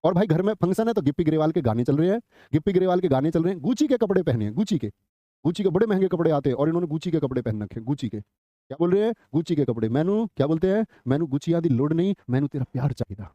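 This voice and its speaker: A man's voice: a little high, animated, very fast, warm tone, dry recording. A male teacher giving a live online exam class, drilling memory tricks, calling students brother and scolding them with a joke. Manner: scolding then joking, calls students brother. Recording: dull lo-fi dry sound.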